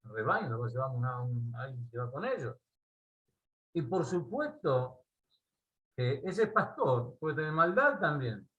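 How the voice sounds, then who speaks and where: A man with an Argentine accent teaching a Torah class. He tells a parable in a lively way and often checks in with his listeners. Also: mid-range voice, unhurried, highs cut off. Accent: Argentine Spanish. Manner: animated storyteller, asks listeners "¿sí?" often.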